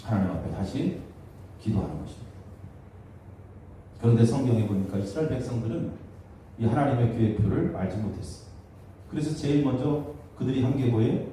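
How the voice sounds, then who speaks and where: Korean pastor preaching in an echoey church. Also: male voice, medium pitch, animated, fairly quick, pauses often, dark tone, a little hiss or hum. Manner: emphatic, repeats phrases, acts out complaining voices. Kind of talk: sermon. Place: church sanctuary. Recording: echoey church hall, mic at a distance.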